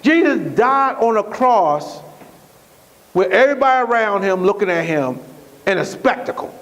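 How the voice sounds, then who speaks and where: A man's voice: high-pitched, animated, normal speed, fairly bright tone. A male pastor preaching a sermon in a conversational, repetitive way, often restarting his sentences.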